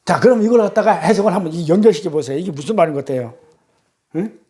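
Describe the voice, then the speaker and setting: Woman, preacher, teaching sermon, mellow warm tone, asks the congregation questions, slow deliberate scripture reading. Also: fairly low pitch. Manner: reads scripture and transliterated Hebrew slowly and deliberately. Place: church service.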